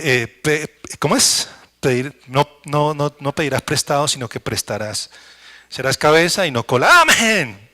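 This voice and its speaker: A male pastor preaching an animated sermon, acting out doubting believers in hushed voices. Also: on the high side.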